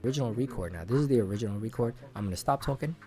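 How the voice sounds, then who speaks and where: A man's voice: mid-range voice, very fast, soft background music. A man casually narrating his own test take, heard as playback after noise reduction, with processing artifacts on his desk microphone with a pop filter. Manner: relaxed, talks through each step as he clicks. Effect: playback of his own test recording after noise reduction, with processing artifacts. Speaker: YouTube tech reviewer. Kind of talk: casual software tutorial. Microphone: desk USB microphone with pop filter.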